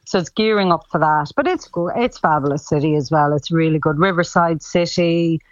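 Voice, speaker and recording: A woman's voice: low voice, fairly quick, no room sound, muffled recording. A woman with a Cork Irish accent chatting casually as a radio caller, effusive and often repeating herself for emphasis. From Cork, Ireland. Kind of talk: casual chat, telling a personal story.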